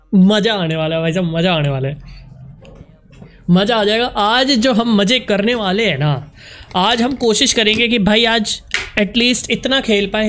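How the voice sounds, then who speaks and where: A man streaming a horror game live, greeting viewers by name and reacting with lively chatter that mixes in English phrases. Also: high-pitched. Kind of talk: live gameplay commentary.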